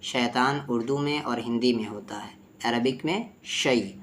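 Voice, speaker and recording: A man teaching tajweed. He explains letter sounds and recites slowly, phrase by phrase, for his student to repeat. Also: medium pitch. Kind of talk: tajweed lesson with repeat-after-me drills.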